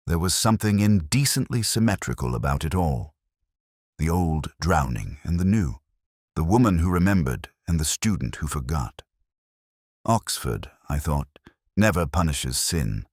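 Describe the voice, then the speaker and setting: A man playing a melancholy, cerebral police inspector, narrating a murder case in a measured, formal, literary first person. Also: a bass voice, husky, no echo, clean studio sound, exaggerated voice.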